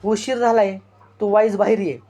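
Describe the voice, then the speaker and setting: Brief: man voicing an anxious village sidekick, high and pleading. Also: little pitch movement, moderate pace, mellow. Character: worried loyal village man, companion.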